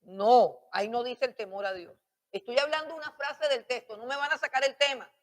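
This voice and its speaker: A woman's voice: on the high side, brisk. A woman teaching a Bible school class on preaching, repeating her points and questioning her students.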